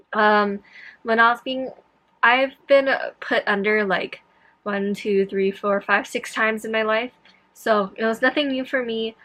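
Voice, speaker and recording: This young woman's mid-range voice comes across pushed and bright as she recounts things in a chatty, casual vlog. Recovering from tonsil surgery, her sore throat trips up certain words. She wanders and interrupts herself as she goes.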